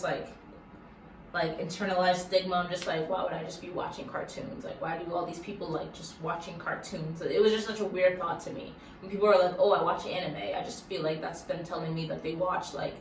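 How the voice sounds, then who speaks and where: A young woman chats in a loose, giggly way, full of "like". Her voice sits at a middle pitch. It rings in an echoey room, caught from a little off the mic with faint hiss. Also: distant mic. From Massachusetts. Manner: chatty, giggly, lots of "like". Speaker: YouTuber. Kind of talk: casual Q&A vlog.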